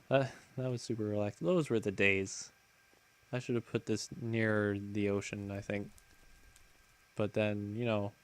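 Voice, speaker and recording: A man's voice: fairly low pitch, smooth. A man hosting a casual game commentary, chatting in a rambling way and often correcting himself mid-sentence. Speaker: let's play host.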